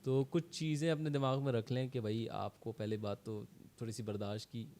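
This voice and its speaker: Podcast co-host, mid-pitched voice, measured advice-giving delivery. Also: male voice, little pitch movement, warm tone, slight background noise. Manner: measured, gives advice, mixes in English phrases. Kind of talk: casual advice chat.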